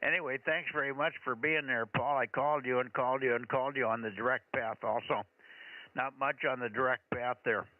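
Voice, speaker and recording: Steady and brisk, a mid-range male voice runs a ham radio net, reading callsigns and repeating standard radio phrases. Everything sounds like crackly, noisy, narrowband shortwave transmission punctuated by clicks.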